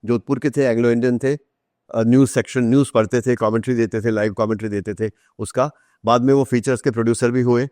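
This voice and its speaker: An author appearing as a podcast guest, a man with an Indian accent, tells stories in a conversational interview, switching between Hindi and English and repeating things for emphasis. His voice is medium-pitched, darkish and fairly quick with fairly even intonation, recorded dry in a clean studio.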